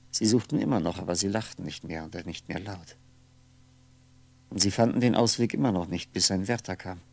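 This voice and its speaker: In a 1960s German radio play monologue, a lonely, brooding man muses aloud over faded memories in a low, gravelly, darkish voice. His articulation is deliberate, yet his phrases come haltingly and introspectively, and he keeps correcting himself.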